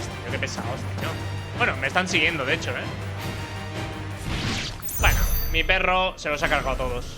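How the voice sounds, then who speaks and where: Slangy Spanish gamer, slightly high male voice. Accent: Spain Spanish. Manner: slangy, jokey, talks back to characters. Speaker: gamer hosting a playthrough. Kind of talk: casual gameplay commentary. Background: game music and dialogue.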